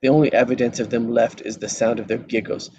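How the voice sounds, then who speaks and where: For a script table read, a man reads the stage directions fast and flatly in a medium-pitched voice. The recording carries slight background noise and its high frequencies are cut off.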